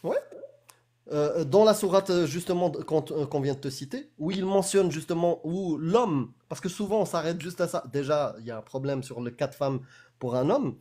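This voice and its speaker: A man argues in a heated live debate, his voice sitting a little high. He presses and mocks, and he cuts across his opponent. The tone is insistent and combative. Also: normal speed, dark tone. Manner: pressing, mocking, talks over the other. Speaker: debate host.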